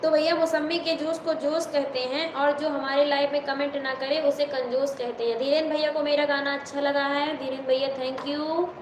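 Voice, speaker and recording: A high-voiced woman with an Awadhi accent, a folk singer hosting a live stream, reads viewer comments and greets viewers by name between songs. She speaks at normal speed in a flat delivery with hardly any pauses. The room is echoey, with music behind her and a little hiss or hum.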